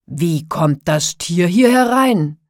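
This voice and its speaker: A woman voicing a loud, gruff, possessive male giant in a spoken fairy tale. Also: sits low, lively intonation, unhurried, no echo, clean studio sound. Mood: angry.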